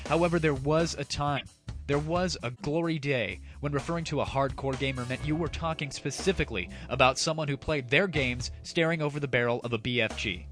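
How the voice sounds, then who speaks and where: This host of an online gaming comedy show has a medium-pitched, fairly bright voice. Music runs underneath as he launches into a scripted rant that is crude, sarcastic, and pompous in a theatrical, mocking way.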